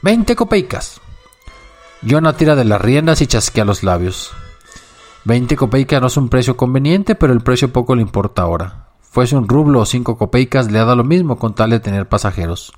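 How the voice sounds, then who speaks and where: A man narrating a literary short story in a measured, unhurried reading. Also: medium pitch, animated, a little mellow, soft background music.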